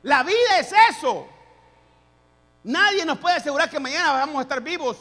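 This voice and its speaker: A man preaching a sermon as a pastor, building to loud, rising emphasis as he addresses his congregation. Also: extremely high pitch, animated, moderate pace, long reverb tail.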